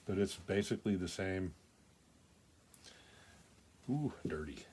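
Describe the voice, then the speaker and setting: A man's voice: sits low, lively intonation, takes it slowly, a little mellow, a little hiss or hum. An older man giving a casual show-and-tell of his collection, talking in a plain-spoken, folksy, rambling way. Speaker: knife collector presenting his pocketknives.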